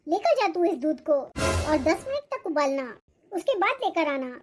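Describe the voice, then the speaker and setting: A shrill scolding old granny. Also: female voice, sing-song, unhurried, over music, full character voice. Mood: bossy. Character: nagging old grandmother, harsh, demanding, hard to please. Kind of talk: cartoon voice acting.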